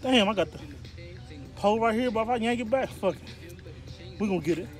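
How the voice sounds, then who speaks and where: A man in his thirties vlogging while fishing off a riverbank, loud and laughing, swearing a lot, recorded on a phone camera outdoors. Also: high-pitched, fairly quick, soft background music. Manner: loud, laughing, profane hype talk. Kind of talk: casual fishing vlog banter. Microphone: phone camera held or propped nearby.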